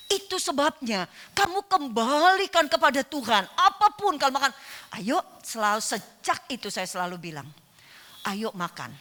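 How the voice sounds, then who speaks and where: A woman's voice: on the high side, bright, forceful tone. A woman pastor preaching a sermon in church, telling a personal story and acting out the dialogue she quotes.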